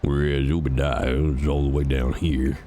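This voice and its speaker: A rumbling low, warm voice that barely moves in pitch belongs to a man streaming a roleplay game at a moderate pace, with slight background noise. Stuffed up from a cold, he chats casually to his viewers while playing, rambling on and swearing freely.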